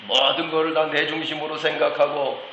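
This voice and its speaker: A man's voice: fairly high pitch, flat delivery, moderate pace, sharp tone, roomy sound, dull audio, slight background noise. A man preaching a sermon earnestly, with frequent filler sounds and rhetorical "yes?" checks. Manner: acts out voices of God and of a praying believer. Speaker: pastor. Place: church sanctuary.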